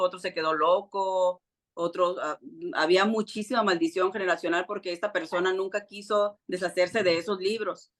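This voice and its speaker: A woman's voice: on the low side, a bit bright. A woman with grown children giving an earnest church teaching, sharing personal testimony with frequent fillers and restarts. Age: adult with children. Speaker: preacher.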